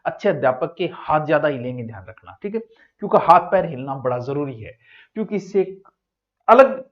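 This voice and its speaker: High-voiced male teacher, jokey and dynamic, captured on dull lo-fi classroom audio. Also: brisk. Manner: lively, jokey, swings between loud and soft. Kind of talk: exam coaching lecture.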